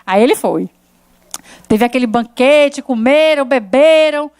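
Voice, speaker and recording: A woman with a high voice preaches to a congregation, retelling a Bible story with lively energy. She keeps asking the listeners questions as she goes. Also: unhurried, clear, resonant tone. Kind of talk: storytelling sermon.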